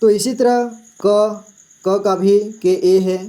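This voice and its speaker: Slow, patient male teacher. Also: high voice, fairly even intonation, dark tone. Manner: patient, repeats "theek hai" often. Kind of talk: slow classroom explanation.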